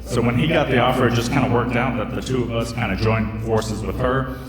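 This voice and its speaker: On stage in a hall before a live audience, a young American man tells a joking, chatty story at a storytelling event, full of fillers and asides. His mid-range voice is fairly quick with fairly even intonation. The echoey hall is picked up from a distance, and the crowd can be heard.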